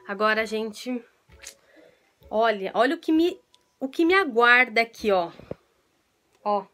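A woman with a Brazilian accent talks through her day at home in a chatty, easygoing way, often turning to her viewers directly. Her voice sits a little high. She sounds like she is filming on a handheld phone, with faint music behind her. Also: animated, takes it slowly, pushed and bright. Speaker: vlogger and mother. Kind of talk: casual home vlog. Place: at home, cooking and doing chores.

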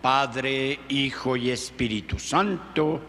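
Slow-praying priest in an echoey church. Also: male voice, medium pitch, fairly bright tone. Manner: solemn, measured recitation. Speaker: priest presiding at Mass. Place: large reverberant church. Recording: echoey church hall with clear background noise.

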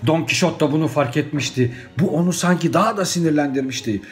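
A man narrating a children's storybook audiobook in an expressive, dramatic storytelling manner. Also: a little high, fast.

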